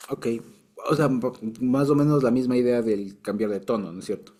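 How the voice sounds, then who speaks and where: A man's voice: medium pitch, fairly quick, mellow. A man teaching a casual Bible lesson, explaining patiently with restarts and light chuckles.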